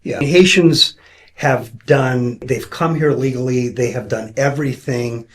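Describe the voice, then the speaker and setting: A man talking with a church member in an earnest, quick way, often restarting his sentences. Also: medium pitch, steady tone. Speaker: pastor interviewing a church member. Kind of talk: casual conversational interview.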